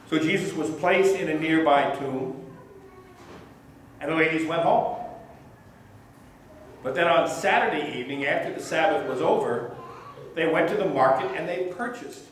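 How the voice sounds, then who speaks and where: A middle-aged male pastor telling a children's sermon story slowly and gently to puppets, at a lectern in a small church. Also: on the high side, a little hiss or hum. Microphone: fixed camera a few feet away, lectern mic. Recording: echoey church from some distance.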